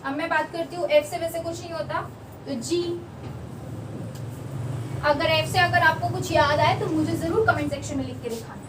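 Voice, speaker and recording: A woman teaching a lesson, explaining slowly, repeating words and checking that students follow. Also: extremely high pitch, steady tone. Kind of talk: classroom lesson. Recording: echoey room, voice from far off, faint background noise.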